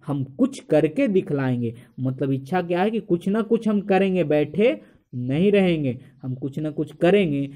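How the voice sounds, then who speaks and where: Calling his viewers friends, a man explains a school poem lesson by asking questions and supplying the answers himself. His voice is mellow and fairly high-pitched.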